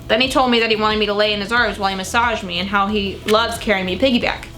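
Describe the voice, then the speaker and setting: A woman's voice: medium pitch, steady tone, fast, fairly bright tone, soft background music, poor audio. A young woman reading old teenage diary entries aloud in a dramatic, gushing way, breaking off for casual, sweary asides. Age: young adult. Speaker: vlogger.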